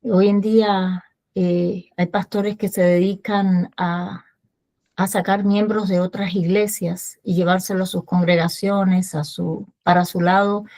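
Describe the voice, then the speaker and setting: A woman's voice: on the low side, flat delivery, unhurried, warm tone. A woman hosting a religious talk show, explaining her point in an earnest way. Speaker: ministry host.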